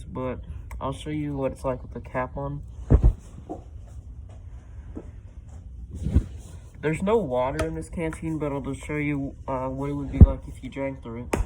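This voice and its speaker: Guy talking thru a gas mask, muffled, even tone, casual review, bit of background noise. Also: medium pitch.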